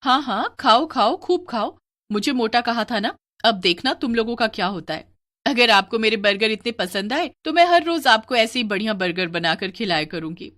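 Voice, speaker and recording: A woman voicing a fat, spiteful female witch in a cartoon who sells burgers, calling out loudly and gloating with a cackle. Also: on the high side, lively intonation, moderate pace. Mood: sweet. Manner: loud hawker's calls, cackling, spiteful gloating. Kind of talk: cartoon voice acting.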